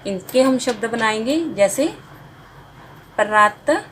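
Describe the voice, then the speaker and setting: A woman's voice: fairly high pitch, expressive, slow pace, fairly bright tone, slight background noise, low-quality recording. A woman teaching a beginner spelling lesson, sounding out letters and marks one by one and drawing out each finished word.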